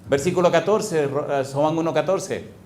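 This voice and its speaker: Pastor preaching in an echoey hall. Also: male voice, a little high, normal speed, darkish tone, slight background noise. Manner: questions the congregation and answers himself. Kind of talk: sermon. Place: church hall.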